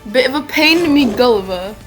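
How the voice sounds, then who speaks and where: A woman putting on an unconvincing Scottish accent and rambling, halting and giggly as she searches for words. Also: a little high, expressive, echoey room, music in the background, lightly acted. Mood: playful. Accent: put-on Scottish, not convincing.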